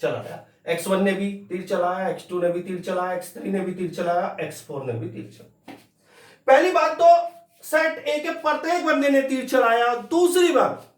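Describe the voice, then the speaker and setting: A man teaching a math lesson, repeating each point slowly and telling students to listen closely. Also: high-pitched, roomy sound, distant mic. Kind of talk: classroom lecture.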